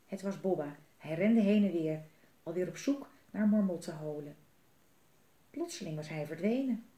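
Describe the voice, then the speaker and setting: A woman's voice: on the low side, normal speed. Woman reading a storybook, echoey. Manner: lively, expressive reading. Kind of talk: reading a children's book aloud.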